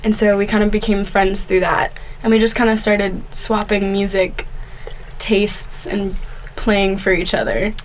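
A young woman from Southern California, a band's singer, telling how the band began in a relaxed, casual interview. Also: medium pitch, unhurried, a little hiss or hum, low-quality recording. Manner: relaxed, uses fillers like "kind of".

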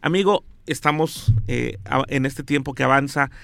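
A man's voice: medium pitch, normal speed, vocal fry, a bit bright, dry recording. A man with a Mexican accent hosting an interview, chatting in a friendly way and adding frequent affirming interjections. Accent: Mexican Spanish. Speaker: podcast host. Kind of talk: conversational interview.

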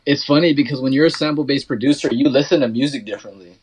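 A man's voice: medium pitch, quick pace, slight background noise, rough recording. Man, thirties, podcast host, laid-back, slangy, casual chat. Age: 30s. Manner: laid-back, slangy, says "dude" and "bro".

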